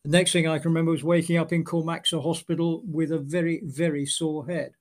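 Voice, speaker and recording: An older man from Britain recounting his military past in an interview, halting with many fillers and dry humor. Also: a little high, level tone. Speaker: interviewee, former Royal Marines officer. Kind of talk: oral history interview.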